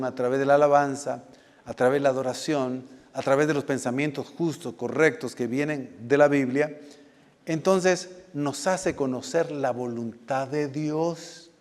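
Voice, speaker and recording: A man preaching a sermon as pastor, speaking spontaneously with restarts and sudden bursts of emphasis. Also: on the high side. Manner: spontaneous, with repeated restarts and emphatic swings in loudness. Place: church sanctuary. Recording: church hall with long reverb.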